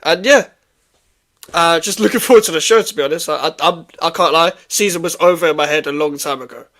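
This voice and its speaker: A man's voice: fairly high pitch, fairly quick, fairly bright tone. A man chatting casually and easily in slang as a football fan panelist. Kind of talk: casual chat.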